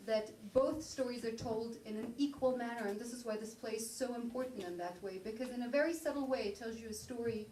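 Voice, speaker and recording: A woman with a fairly high voice speaks earnestly and with emphasis. She is off the mic in an echoey room, with faint noise behind her. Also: a little fast, hardly any pauses, warm tone, far from the mic. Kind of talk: post-show talk.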